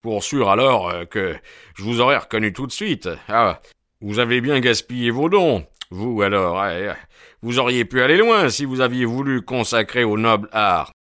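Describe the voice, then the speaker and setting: A man voicing a gruff, suspicious male porter who is a former boxer, talking bluntly in plain colloquial speech. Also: mid-range voice, lively intonation, normal speed, a bit bright, no room sound, studio quality, voice pushed up, close to an everyday voice. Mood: excited. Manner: blunt, colloquial, dropping negations.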